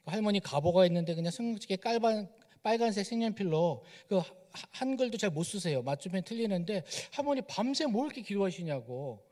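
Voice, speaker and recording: A middle-aged man with a slightly high voice preaches as a guest speaker. His sermon is chatty and full of jokes, and he keeps asking the congregation questions. His voice rings through a church hall with a long reverb. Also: expressive, a little fast, a little mellow. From Seoul, South Korea. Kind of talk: humorous conversational sermon. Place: church sanctuary.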